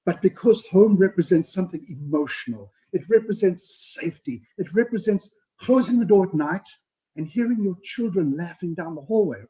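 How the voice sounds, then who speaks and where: A man co-hosting a podcast on a live show talks in a casual live-stream chat, speaking earnestly and in a speechifying way while often tacking on "right?". His high voice has lively intonation and a dark tone at a normal speed.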